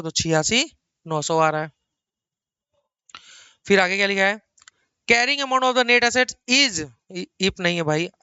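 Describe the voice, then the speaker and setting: A middle-aged man delivers a recorded accounting lecture from a small room at his laptop, lively and chatty. His voice is bright and crisp, and he teases his students and repeats words for emphasis. The recording is dry and a little dull. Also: high-pitched, no room sound. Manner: chatty, teasing asides to students. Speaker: accounting teacher.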